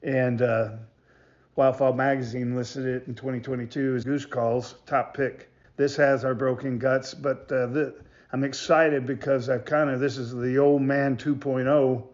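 A man giving a casual product demonstration as a maker of hunting calls, talking in a halting, rambling way and often repeating himself. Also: mid-range voice, flat delivery, a little mellow, dull audio. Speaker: goose call maker presenting products.

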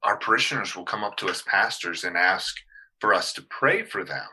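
A man's voice: on the low side, expressive, moderate pace, bright, forceful tone, slightly rough, rough recording. A male pastor in casual discussion, talking hesitantly with many fillers and restarts.

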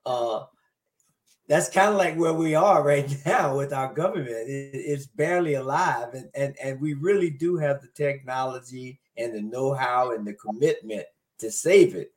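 A man's voice: mid-range voice, normal speed. A man co-hosting a casual talk show, agreeing often and restarting words as he goes. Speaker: co-host. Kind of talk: casual chat on current events.

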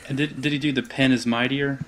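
A man co-hosting a podcast in casual chat, teasing in a deadpan way. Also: medium pitch, a little fast, slight background noise. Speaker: podcast co-host.

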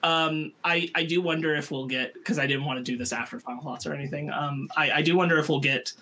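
A man's voice: on the high side, steady tone, fast, bright, forceful tone, a little hiss or hum. A man co-hosting a casual film review podcast, talking in a rambling way with many restarts and fillers. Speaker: podcast co-host.

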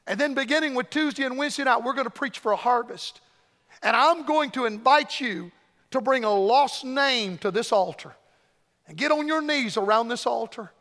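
A man's voice: extremely high pitch, a bit bright. A middle-aged man preaching a fervent revival sermon and pleading altar call, emphatic, with short repeated phrases. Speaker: evangelist preacher. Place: large church hall, preaching to congregation. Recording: large reverberant hall.

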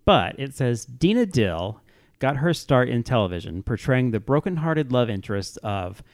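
A man's voice: medium pitch, big pitch swings, normal speed, no echo. A man co-hosts a podcast in a loose casual chat, spinning a story with playful giggles. His voice sits in a medium register. The sound is dry and close. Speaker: podcast co-host.

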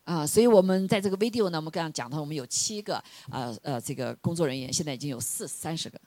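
A woman pastor interpreting a sermon live, speaking quickly with fillers and soft laughs. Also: low-pitched.

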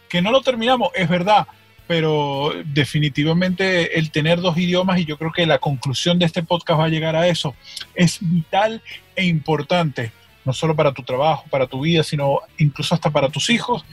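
A man co-hosting a casual podcast, talking in a hesitant, halting way. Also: fairly high pitch, husky. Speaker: podcast co-host.

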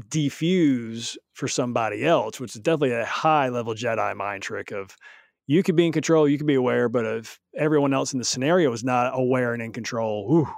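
A man talking casually about workplace safety, with a mid-pitched voice that jumps up when he plays other people's reactions. The recording is close and dry, with almost no room sound. He sounds conversational and lively. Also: creaky, no echo. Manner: animated storyteller acting out quoted reactions. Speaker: safety professional and co-host.

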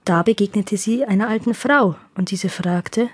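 A woman narrating fairy tales for a podcast in calm, measured storytelling. Her voice is soft and breathy, recorded dry and close with no room sound, at a middle pitch. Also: dry recording. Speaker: podcast host and fairy-tale reader.

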